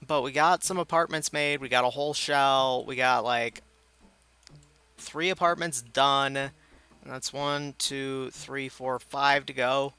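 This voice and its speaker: A tired man streaming a game and chatting casually with his viewers, rambling and self-mocking. His medium voice has a gravelly fry and a bright, smooth edge. Faint game music plays underneath. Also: medium pitch, fairly even intonation, slow. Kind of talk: casual live-stream commentary.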